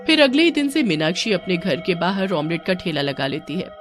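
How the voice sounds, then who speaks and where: A woman's voice: fairly low pitch, sing-song, fairly quick, over music. A woman narrating a scripted story, switching between narration and the voices of its characters.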